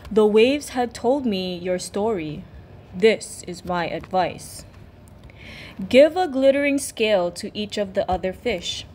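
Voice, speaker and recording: A woman voicing a wise old female octopus with a deep, slow, solemn way of speaking in a storybook reading. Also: animated, darkish tone, a little hiss or hum. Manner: slow, solemn advice-giving.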